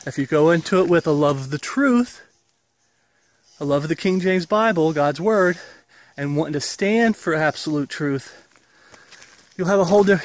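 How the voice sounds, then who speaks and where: Walking a wooded path outdoors, a ministry leader in his forties films a rambling walk-and-talk update on a handheld camera at arm's length. He's recovering from an illness, and his fairly high voice carries a casual, earnest preaching tone over slight background noise.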